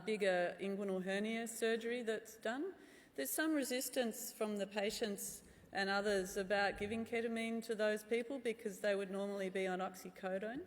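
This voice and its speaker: A middle-aged woman, answering questions as a medical conference speaker in a candid, drily humorous way. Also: mid-range voice. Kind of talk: answering audience questions after a medical talk. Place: large conference room. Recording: echoey hall with long reverb.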